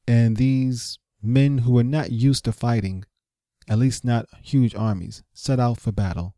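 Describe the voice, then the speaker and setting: A man narrates a history lesson like a story, musing aloud with rhetorical questions and asides. His tone is mellow and relaxed rather than bright. The sound is dry and close with no room around it. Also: medium pitch, dry recording. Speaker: history teacher.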